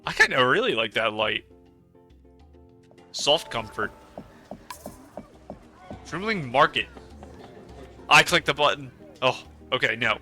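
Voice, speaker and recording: A man's voice: medium pitch, expressive, slow pace, pauses often, bright, forceful tone, faint music behind. A man hosting a let's play, chatting casually and rambling about the game. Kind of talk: casual gameplay commentary.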